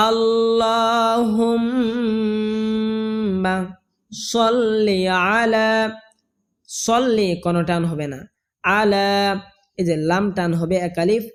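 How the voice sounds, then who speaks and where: A man teaching correct recitation, explaining pronunciation rules and chanting each phrase in long drawn-out tones. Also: high voice, darkish tone. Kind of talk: slow pronunciation lesson with chanted examples.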